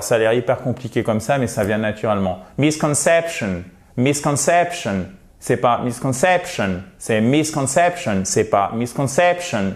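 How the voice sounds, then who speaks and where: Male English teacher, mid pitch, energetic, repeats words with heavy stress. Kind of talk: video pronunciation lesson.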